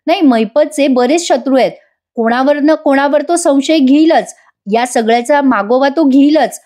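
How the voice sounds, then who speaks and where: A woman reading a calm young husband. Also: sits high, a little slow.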